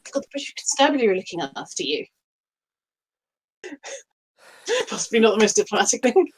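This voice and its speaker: A woman playing a tabletop game, speaking gently and thinking out loud as she acts out her character. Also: fairly high pitch, sing-song, brisk, breathy edge, low-quality recording. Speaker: player. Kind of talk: tabletop role-play.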